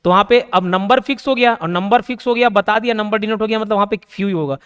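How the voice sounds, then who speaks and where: High-voiced teacher with a Hindi accent. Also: male voice, a bit bright, clear, resonant tone. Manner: explains patiently, repeats key points, reads English example sentences slowly. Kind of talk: grammar lesson.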